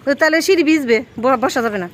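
Outdoors by the water, a woman vlogger talks casually and coaxingly to a child, asking questions and giving gentle instructions. Her voice is high and animated, and she speaks fast.

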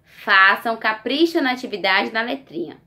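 A woman teacher, talking young children through a lesson in a slow, coaxing, sing-song way and checking in with them often. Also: on the high side, creaky, sharp tone. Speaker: primary school teacher.

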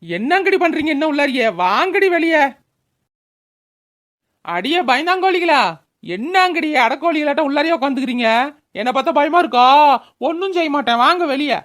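Brief: cartoon drunkard son, loud and quarrelsome, high for a man, a woman plays him. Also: lively intonation, moderate pace, long pauses. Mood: bellowing. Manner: bellowing, taunting. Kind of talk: cartoon voice acting.

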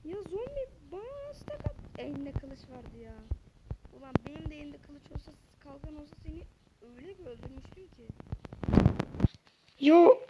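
A woman's voice: sits high, very animated, fairly quick. A woman giving casual let's-play commentary to her viewers, exclaiming and grumbling in exasperation at the game. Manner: talks to viewers directly. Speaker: gaming channel host. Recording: dull lo-fi mic with loud hiss.

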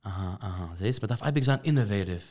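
Man, podcast host, casual interview, rapid delivery, mixes in english. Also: lowish voice, lively intonation, darkish tone. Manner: quick, mixes English words into his talk.

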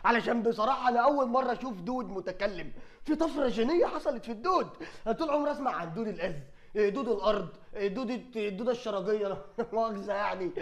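Egyptian guy roasting videos, really high voice, talks fast, laughs a lot. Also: animated. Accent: Egyptian Arabic. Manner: loud, sarcastic, laughing while talking. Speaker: comedy commentator reacting to clips. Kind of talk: mocking comedic commentary.

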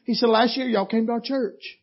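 A man's voice: very high voice, fairly quick, breathy edge. A male preacher, telling a folksy story in a sermon. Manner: folksy, animated storytelling with laughs. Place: church meeting. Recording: dull lo-fi church audio.

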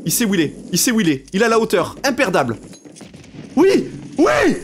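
A young male streamer commentates a tournament live, hyped and slangy, cheering and shouting at the big moments. His high-pitched, sing-song voice races along, heard through a gaming headset with a little hiss or hum.

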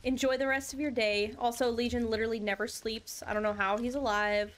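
A woman's voice: fairly high pitch, steady tone, a little fast. A young woman streaming a game, chatting casually with viewers in a bubbly, chatty way and laughing often. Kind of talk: casual live-stream chat.

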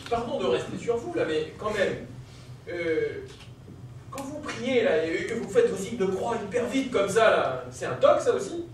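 A man's voice: high voice, sing-song, unhurried, a little hiss or hum. An actor playing a teasing, chatty man on an amateur stage, recorded from far off in an echoey hall. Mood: joking. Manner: teasing, chatty, laughs easily. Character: jovial, blunt middle-aged man in a therapy waiting room. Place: theatre stage.

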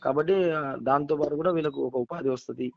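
A local voter from Telangana, India, calls in with a Telangana Telugu accent, speaking casually and earnestly and often repeating words and phrases. His voice is a little high, fairly quick and has vocal fry. The phone-call audio is dull and band-limited, with a noisy background.

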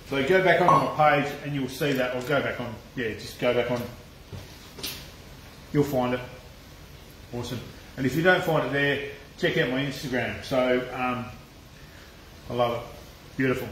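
A man's voice: medium pitch, a bit bright, a little hiss or hum. An Australian man hosts a casual live cooking stream with a mid-range voice. His talk is loose and chatty, full of swearing and laughter. The sound bounces around an echoey room. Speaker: cooking channel host.

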